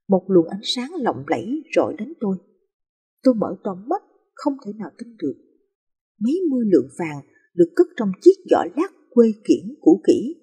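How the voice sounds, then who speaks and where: A woman narrating emotional life stories in a soft, feeling storytelling manner. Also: mid-range voice, husky.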